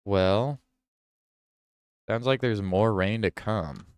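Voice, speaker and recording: A man hosting a casual livestream reads news headlines aloud, stopping to react and correct himself. His voice sits low and moves at an unhurried pace. The sound is crisp, close and dry, with no room around it. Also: no echo. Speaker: livestream host.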